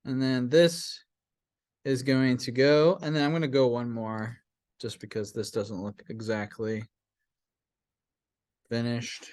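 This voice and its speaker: A young male teacher talks a class through an editing program at an unhurried pace. His manner is casual and a bit sheepish, with fillers and quick chuckles. The sound is dry, with no room echo. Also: medium pitch, flat delivery, darkish tone. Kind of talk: classroom software tutorial.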